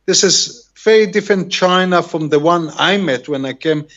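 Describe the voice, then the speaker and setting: A middle-aged Israeli man, a native Hebrew speaker with an Israeli accent, talks casually as an interview guest over a video call. His voice sits high with a fairly bright tone, and he rambles in a halting way, often searching for words. The video call audio is dull and lo-fi.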